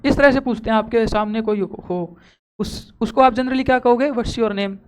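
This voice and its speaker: A woman teaching a school class, often quizzing her students and slowly repeating the key terms. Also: fairly high pitch, smooth. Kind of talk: classroom lesson.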